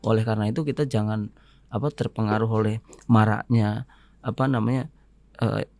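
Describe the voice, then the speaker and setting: A man with an Indonesian accent, a podcast guest talking in a measured way and often pausing with fillers as he searches for words. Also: on the low side, fairly even intonation, a little mellow, dry recording. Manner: measured, fills pauses with "apa namanya". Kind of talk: casual interview talk.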